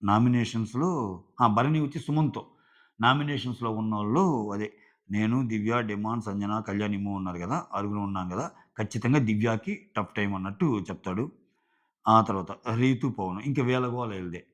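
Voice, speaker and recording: A man's voice: fairly low pitch, fairly quick, muffled recording. A man giving a casual recap of a reality show, retelling scenes by quoting people.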